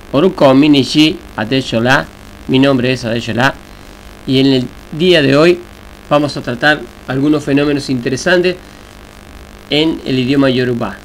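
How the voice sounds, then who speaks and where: A man teaching a recorded Yoruba language lesson, explaining slowly and deliberately with examples. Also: medium pitch, a bit bright, rough recording. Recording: faint hiss and mains hum.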